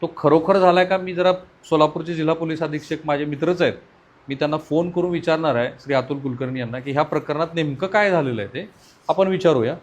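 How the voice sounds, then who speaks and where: A man's voice: on the high side, fast. A man interviewing a family on site, asking probing questions and giving earnest commentary. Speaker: interviewer, vlogger.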